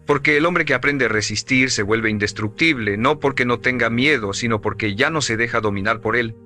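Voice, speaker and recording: A man giving scripted motivational narration in an emphatic, measured, preaching cadence. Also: medium pitch, pushed and bright, soft background music.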